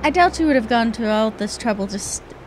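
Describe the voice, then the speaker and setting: A woman voicing a stern, composed young queen from a fantasy video game, formal and measured. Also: a little high, animated, a little hiss or hum, natural voice, rough recording. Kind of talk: reading game dialogue aloud.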